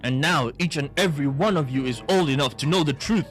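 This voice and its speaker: A man's voice: a little high, a little fast, faint music behind, natural voice. A man dubbing a telenovela, playing a sarcastic older father. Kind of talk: dubbed telenovela acting.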